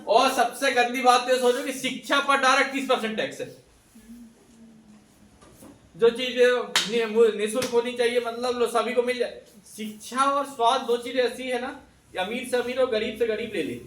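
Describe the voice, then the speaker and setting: A man's voice: extremely high pitch, steady tone, normal speed, a bit bright, slight background noise. A man teaching a classroom, quizzing his students and repeating their answers back to them. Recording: echoey room, voice from a distance.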